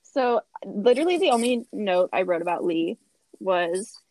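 A woman's voice: medium pitch, lively intonation, moderate pace, a little mellow, low-quality recording. A woman with a Southern American accent co-hosting a podcast, chatting casually, swearing freely and reading a passage aloud. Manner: blunt, swears freely, laughs often. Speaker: podcast co-host.

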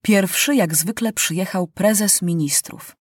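A narrator reading a children's novel aloud in a measured, expressive way. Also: mid-range voice, breathy edge, dry recording, clean studio sound. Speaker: audiobook narrator. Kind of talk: storybook reading.

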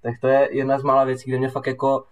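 A man co-hosting a casual football chat, telling stories slowly with lots of fillers. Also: medium pitch, far from the mic. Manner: relaxed, drawn-out storytelling with many fillers. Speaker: football podcast co-host.

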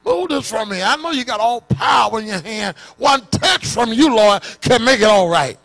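A pleading, high-voiced Paul, played by a male preacher, begging over and over. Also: animated, normal speed, a bit bright, heavily acted. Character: the apostle Paul, desperate, begging.

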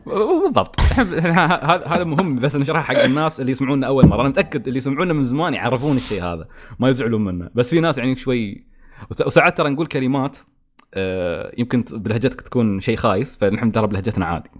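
A man's voice: mid-range voice, animated, rapid-fire, slight background noise. A young man with an Emirati Gulf Arabic accent, hosting a casual podcast chat, joking and teasing and laughing often. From UAE, Al Ain. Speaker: podcast host.

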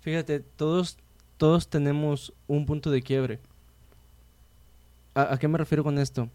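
Guy hosting a faith chat, slightly high voice, easygoing homely examples. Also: unhurried. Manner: explains with homely comparisons, relaxed. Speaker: host.

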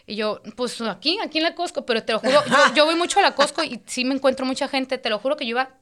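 A woman, co-hosting a podcast, telling a story in a slangy, animated way and acting out the quoted voices. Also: sits high, fast talker. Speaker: podcast co-host. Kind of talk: casual storytelling chat.

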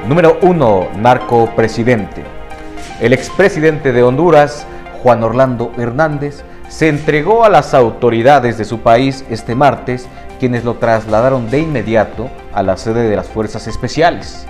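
A man's voice: mid-range voice, unhurried, darkish tone, faint music behind. A man co-hosting a news podcast, reading international headlines with joking asides. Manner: joking, self-mocking asides. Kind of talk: news read with banter.

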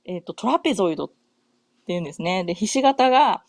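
A middle-aged Japanese woman hosts a casual podcast from her home in North America, speaking fast and expressively in a fairly low, darkish voice on a dry recording. Her talk rambles loosely, packed with fillers and self-corrections.

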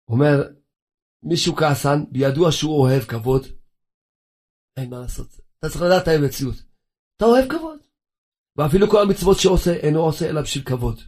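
Husky-voiced man preaching fervently. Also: on the high side, pauses often, a little mellow. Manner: fervent, rhetorical questions. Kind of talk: sermon.

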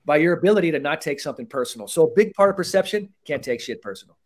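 A man's voice: on the high side, racing. A man coaching police on mental skills in a casual podcast chat, talking animatedly and swearing freely. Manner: animated, swears freely, acts out other people's lines.

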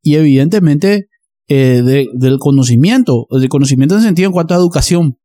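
A man's voice: fairly high pitch, animated, fairly quick, dark tone, no room sound, clean studio sound. A man, explaining a topic in a casual discussion and often checking that listeners follow. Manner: explanatory, checks in with "¿verdad?" and "¿entendés?".

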